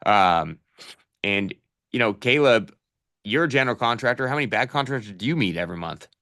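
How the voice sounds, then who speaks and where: A man's voice: medium pitch, animated, a little fast, bright, forceful tone. A middle-aged man coaching a live online session on real estate, casual and direct, calling listeners "you guys" with plenty of fillers. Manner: direct practical advice with fillers.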